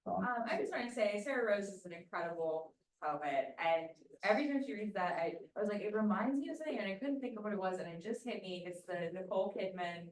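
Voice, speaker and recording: A woman's voice: medium pitch, fast talker. Playful chatty woman, roomy and distant. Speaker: club member. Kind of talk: casual chat. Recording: echoey room, voice from off-mic.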